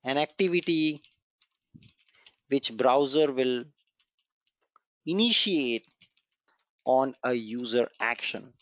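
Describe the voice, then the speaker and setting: Teaching a live online coding class, a man whose native language is Gujarati speaks expressively and slowly, pausing often, with a voice that is a bit bright yet dull and dry, like a lo-fi computer mic, with no room sound. He encourages his students, repeats key points, and takes the code step by step.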